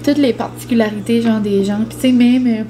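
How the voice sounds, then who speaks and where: A woman's voice: a little high, fairly even intonation, a little fast, a crowd in the background. A woman from New Brunswick with a New Brunswick French accent, chatting casually to camera as a vlogger, rambling with lots of fillers and slang. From New Brunswick, Canada.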